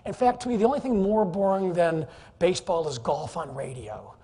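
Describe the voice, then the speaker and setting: Male keynote speaker, high and husky voice, jokey and animated, echoing conference hall. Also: fairly quick. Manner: animated, jokey, teases the audience. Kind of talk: energetic, humorous business presentation. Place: large conference hall, live audience.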